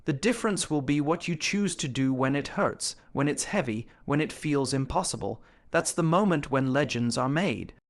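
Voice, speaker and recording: A man's voice: fairly high pitch, normal speed, few pauses. A man delivering a scripted gym motivational speech as a speaker, emphatic and declarative, in short punchy phrases.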